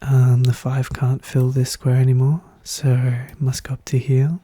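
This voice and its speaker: Soft-spoken ASMR puzzle narrator: hushed, breathy half-whisper, flat unhurried delivery, calm and methodical, close dry sound. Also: mid-range voice, no echo. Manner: calm, methodical, thinking aloud. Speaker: puzzle solver narrating own play.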